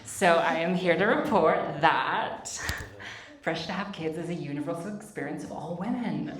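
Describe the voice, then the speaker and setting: A woman doing a stand-up comedy set, deadpan and self-mocking with quick asides to the crowd. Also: on the low side. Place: comedy club stage. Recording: echoey club, distant mic, audience laughter. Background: audience laughter.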